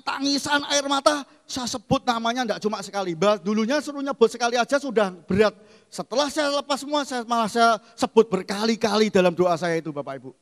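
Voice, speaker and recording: A middle-aged male pastor preaching a sermon, emphatic and swinging from quiet asides to loud exclamations. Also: high-pitched. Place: church hall. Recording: long church hall reverb.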